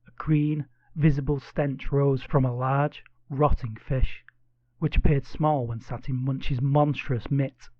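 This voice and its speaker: A man narrating a children's audiobook with expressive, playful storytelling. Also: mid-range voice, takes it slowly, no echo, lo-fi sound.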